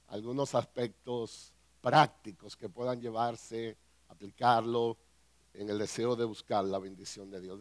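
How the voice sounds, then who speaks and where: A man, a pastor and counselor, praying earnestly and then teaching a conference workshop in a measured way. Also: mid-range voice, no room sound.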